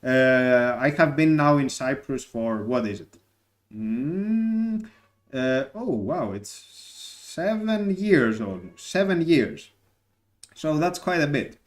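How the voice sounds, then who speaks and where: A young Greek man, native Greek speaker, hosting a live stream and talking casually and thoughtfully with many filler pauses. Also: medium pitch, big pitch swings. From Greece.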